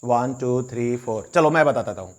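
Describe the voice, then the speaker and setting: A man's voice: medium pitch, normal speed. A man teaching a grammar lesson. He explains step by step, asks rhetorical questions and acts out what students would ask. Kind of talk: classroom-style grammar lesson.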